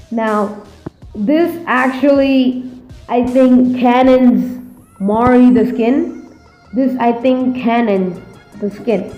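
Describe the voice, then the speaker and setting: Woman, gaming theory commentary, rambling, excitable, slightly high voice, faint music underneath. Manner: rambling, excitable, many fillers. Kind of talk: casual game-theory commentary. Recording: roomy echo, faint music behind.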